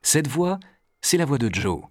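A man narrating a storybook adventure in a measured, expressive reading. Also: mid-range voice, husky, dry recording, studio quality.

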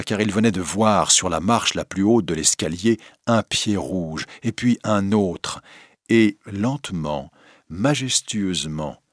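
A man reading a story aloud in measured, dramatic narration. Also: deep voice, no room sound, clean studio sound.

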